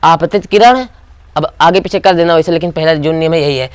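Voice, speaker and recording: A man's voice: fairly high pitch, fairly quick, clear, resonant tone, no echo. Man teaching physics in class. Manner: call-and-response questioning. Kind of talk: classroom lecture.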